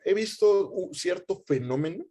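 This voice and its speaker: Dark-voiced man explaining data work. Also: high voice, animated, moderate pace. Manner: hesitant, many fillers and restarts. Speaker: guest data scientist. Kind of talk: explanatory webinar talk.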